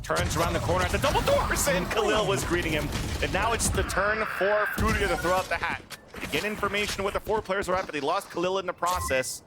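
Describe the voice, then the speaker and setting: A man giving excited play-by-play esports commentary on a video game match, with game sounds around him. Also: high voice, quick pace, heavy background noise. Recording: loud music and game sounds behind. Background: loud music, game sound effects.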